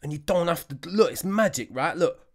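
A man's voice: on the high side, animated, a little fast. A man giving a casual music production tutorial, joking around and mocking himself as he goes. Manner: jokey, slangy, self-mocking.

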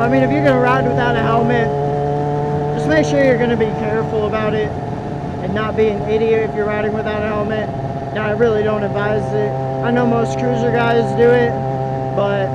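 A young man from Texas vlogging casually from inside a motorcycle helmet, rambling and repeating himself, his voice muffled. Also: high voice. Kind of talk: casual opinion vlog while riding. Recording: muffled helmet mic, loud engine and wind noise.

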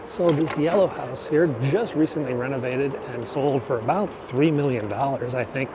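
With a mid-range voice at a moderate pace, a vlogger casually narrates his ride through the city on a bike, recorded outdoors on an action camera. He's chatty and rambling, often correcting himself, while traffic and city ambience fill the background.

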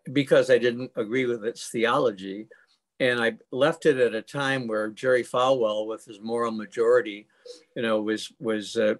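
A man's voice: mid-range voice, vocal fry. Thoughtful male co-host. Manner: thoughtful, many "you know" fillers. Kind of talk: conversational interview.

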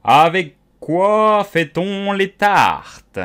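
A pompous, fretful storybook king, as a male narrator puts him on. He speaks slowly and loudly, stretching his words in a raised, booming voice. He sounds self-important and easily flustered. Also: big pitch swings, clean tone, exaggerated voice.

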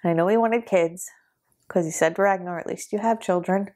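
A woman hosting a reaction vlog, tearful and upset, speaking haltingly and trailing off between heavy sighs. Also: fairly low pitch, a little mellow. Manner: halting, sighing, trailing off mid-sentence. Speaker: reaction video host.

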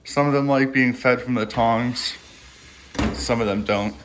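A man filming himself on a handheld phone camera in a pet room at home, chatting casually and coaching his lizards with a high, coaxing voice. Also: fairly even intonation, unhurried, background noise. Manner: chatty, filler-heavy, coaxing pets in a high sing-song voice. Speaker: reptile keeper filming his pets. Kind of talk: casual vlog narration.

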